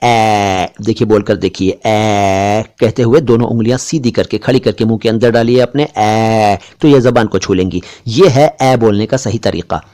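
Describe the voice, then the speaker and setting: A man teaching Hindi and Urdu diction, speaking slowly and deliberately and repeating each sound and word to demonstrate it. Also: medium pitch, dark tone. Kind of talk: pronunciation lesson. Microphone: studio voice-over for slide shows.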